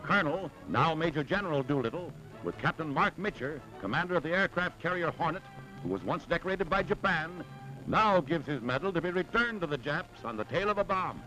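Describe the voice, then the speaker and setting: A man's voice: on the high side, lively intonation, brisk, poor audio. Dramatic man narrating an old newsreel. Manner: dramatic, emphatic announcing. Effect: old newsreel narration over music. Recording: vintage newsreel soundtrack with loud music.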